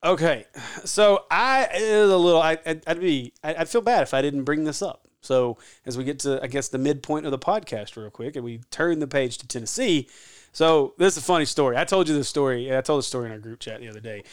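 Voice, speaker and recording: A man hosts a casual sports podcast, talking in a rambling, chatty way. His voice is smooth and clear and sits a little high for a man. He laughs easily between points. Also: a little fast. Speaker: podcast host.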